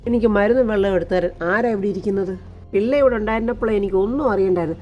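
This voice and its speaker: A woman's voice: mid-range voice, darkish tone, natural voice. A woman voicing a bitter, spiteful elderly man who complains sarcastically in a serial retelling.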